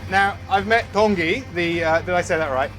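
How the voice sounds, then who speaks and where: Male Australian travel host, fairly high register, dry jokey delivery, over prominent music. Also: moderate pace, fairly bright tone. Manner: wry, jokey, understated. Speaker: travel show presenter. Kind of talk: travel vlog narration and casual on-camera chat.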